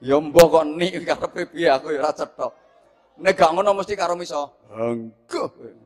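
A man with a Javanese accent delivers a humorous sermon in a fairly high voice. He tells stories with lots of life and slips into the voices of the people he describes. He sounds middle-aged and at ease in front of a crowd. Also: normal speed. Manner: lively storytelling, acts out scenes and mimics people. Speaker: preacher.

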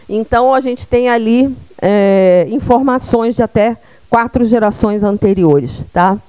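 A woman's voice: on the high side, a little slow, dark tone, clean tone, dry recording. Brazilian woman lecturing into a handheld mic. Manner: explanatory, with frequent "né?" and "tá?" tag questions. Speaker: nutritionist giving a health lecture. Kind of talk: public lecture. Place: small lecture room with a seated audience. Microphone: handheld microphone.

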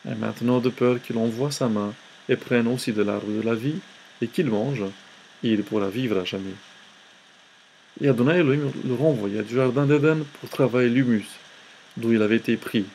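A man teaching an Old Testament class, reading scripture aloud slowly with hesitations and restarts. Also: medium pitch, a little mellow, slight background noise. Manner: slow, halting reading with restarts.

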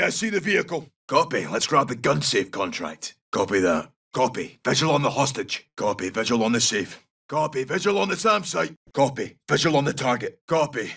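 An actor voices a gruff, brash Scottish special forces soldier in a military shooter game, barking clipped, urgent tactical callouts in a rough, gravelly voice. His male voice sits on the high side with a fairly bright tone, exaggerated and picked up from a distant mic. The mood is terse and focused.

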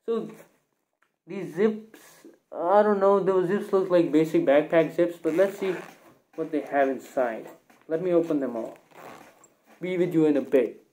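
A man's voice: a little high, a little slow, long pauses, warm tone. A young man giving a casual, rambling gear review, his voice muffled through a cloth mask.

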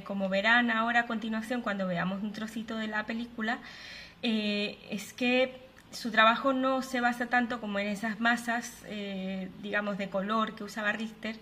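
Bright-voiced woman lecturing. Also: medium pitch, a little hiss or hum. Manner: explanatory, many fillers and self-corrections. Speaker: filmmaker and researcher giving a lecture. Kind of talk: online lecture. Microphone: webcam at close range.

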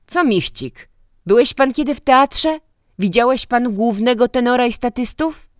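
A woman's voice: on the high side, a little slow, no echo, studio quality, pitched above the performer's own voice, natural voice. A woman reading a story voices a stern, mocking middle-aged man, a school director who scolds and lectures. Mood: scornful.

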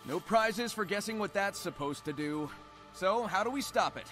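Sonic, cocky high-voiced hedgehog hero. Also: male voice, expressive, moderate pace, a bit bright, faint music behind. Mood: confident, breezy. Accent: American. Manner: breezy, confident, wisecracking. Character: cocky, easygoing young male hedgehog hero. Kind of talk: video game cutscene acting.

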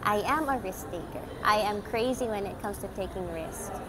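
A woman's voice: mid-range voice, moderate pace, noisy background. Bubbly young woman, pageant interview. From Canada. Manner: bubbly, mixes English with Tagalog, frequent ums. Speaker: pageant candidate. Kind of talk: casual interview answers. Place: indoor venue with red bench.

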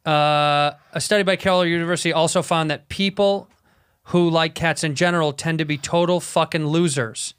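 A man's voice: steady tone, moderate pace, clean tone. A man co-hosting a comedy podcast, teasing his partner in casual banter and laughing often. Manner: teasing, laughs often, breaks into loud high laughs. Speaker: podcast co-host.

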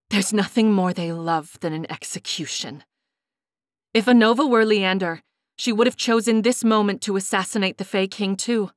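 Give me a woman narrating a fantasy audiobook with dry close sound and mid pitch. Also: fairly bright tone, no echo.

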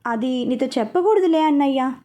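A cheeky young man who is the younger brother, coaxing and light in the way he talks, as a woman storyteller reads his part. The voice is pitched high and sounds mellow, in a spoken audio story. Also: expressive, moderate pace.

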